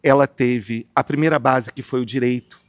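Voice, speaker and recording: A Brazilian man speaking as a guest psychologist on a podcast, talking in a warm, rambling way with frequent tag questions. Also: mid-range voice, fairly even intonation, moderate pace, no echo. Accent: Brazilian Portuguese. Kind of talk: casual podcast conversation.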